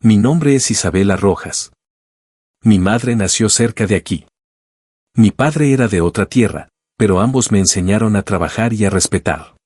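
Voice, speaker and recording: A man voicing a calm, dignified young woman stranger in a spoken story. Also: fairly low pitch, moderate pace, slightly rough, no echo, clean studio sound. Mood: calm firm. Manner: calm, firm.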